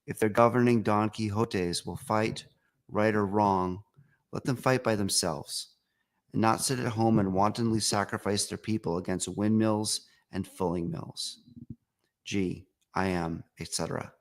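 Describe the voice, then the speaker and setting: Low-voiced man reading formally. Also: steady tone, unhurried. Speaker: reader. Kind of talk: reading aloud an old essay.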